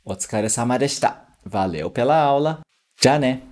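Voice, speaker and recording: A man's voice: medium pitch, expressive, normal speed. A man teaching Japanese pronunciation in an online lesson, patiently repeating each word for practice.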